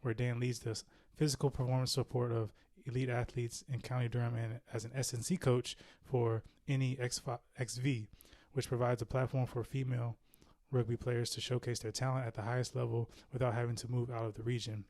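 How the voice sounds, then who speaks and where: A podcast host introduces his guest in an upbeat, conversational way, reading out the guest's bio before drifting into casual chat. His mid-range, darkish voice moves fairly quickly with few pauses and little change in pitch.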